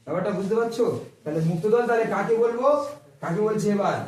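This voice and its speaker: A male teacher takes a grammar lesson and keeps firing questions at his pupils, stretching out syllables to make his point. His voice sits high for a man and is heard from some distance across the room. The classroom echoes loudly around him. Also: quick pace. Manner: asks the class frequent questions and stretches sounds to demonstrate.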